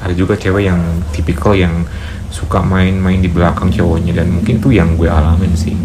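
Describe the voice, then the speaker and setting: Guy doing a blunt young uniformed dude, slang, deep voice. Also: level tone, brisk, background noise, natural voice. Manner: casual slangy chatter. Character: young man in uniform, tall, blunt and casual.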